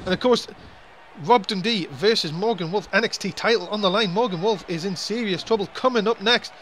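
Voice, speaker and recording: A man with a very high, bright voice calls a wrestling match play by play. He talks in quick, excitable bursts and keeps grumbling along the way. There is a faint noise behind him. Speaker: wrestling commentator.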